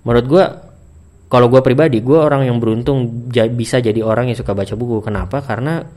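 A man's voice: medium pitch, fast talker. Chatty young man from Indonesia. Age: young adult. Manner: relaxed and chatty, with many fillers and restarts. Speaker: vlogger. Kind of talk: casual monologue.

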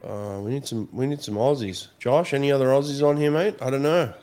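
Speaking briskly in a mid-range voice with a dark tone, this live stream host keeps things upbeat and laid-back. He chats casually with callers, calling them champ and mate.

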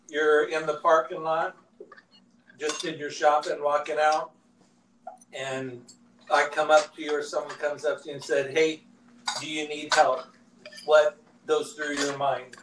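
Slow, rambling man on an echoey line. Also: fairly high pitch, little pitch movement, fairly bright tone. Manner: rambling, self-interrupting questions. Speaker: small group member asking questions. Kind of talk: casual interview questions. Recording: distant, echoey mic with faint noise.

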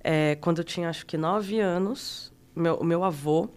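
A woman from Minas Gerais with a Minas Gerais accent, a guest artist telling stories in a reflective, casual interview with many pauses. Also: on the low side, darkish tone, clean tone. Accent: Minas Gerais Brazilian Portuguese. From Minas Gerais, Brazil.

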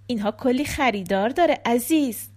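A woman's voice: fairly high pitch, lively intonation, a little mellow. A woman voicing a chatty, teasing woman tailor in an audiobook story, playful and gossipy.

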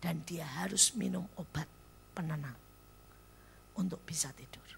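A woman evangelist with an Indonesian accent preaching a blunt church sermon, dropping to hushed near-whispers and then rising to loud exclaims. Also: sits low, unhurried, creaky, slight background noise. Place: church service.

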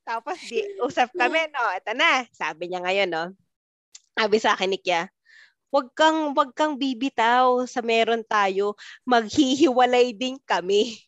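A woman's voice: a little high, lively intonation, a little slow, fairly bright tone, dry recording. A woman, co-hosting a podcast and telling a personal story in a casual chat with friends. She is dramatic and acts out the messages she quotes. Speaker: podcast co-host.

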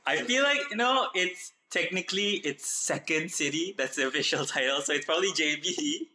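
Bright-voiced, jokey podcast host. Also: male voice, fairly high pitch, normal speed. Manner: laughs often, jokey, swears. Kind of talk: casual chat.

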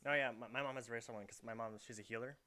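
Fast-talking bright young man rambling. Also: mid-range voice, fairly even intonation. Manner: rambling storyteller, heavy on fillers. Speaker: podcast host. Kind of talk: casual chat. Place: his bedroom. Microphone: camera set up in the room.

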